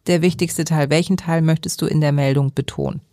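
A woman with a low voice, talking casually as a podcast guest. She gives practical tips on emphasis and delivery. The sound is dry and close. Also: steady tone, brisk, warm tone, no room sound. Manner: coaching, explaining how to stress a sentence. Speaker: podcast guest, news presenter.

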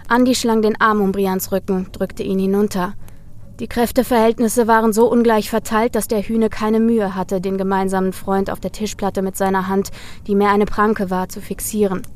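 A woman reading a suspenseful story aloud in a measured, scripted narration. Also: medium pitch.

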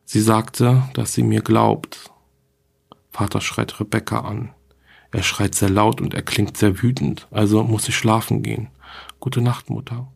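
A man's voice: on the low side, fairly even intonation, measured pace, creaky, slightly rough, exaggerated voice. A man reading the diary entries of a frightened young schoolgirl who writes to her dead mother.

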